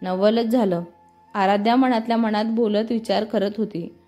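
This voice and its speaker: A woman narrating a serialized family and romance story in a steady, plain reading voice. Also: medium pitch, moderate pace. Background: faint music.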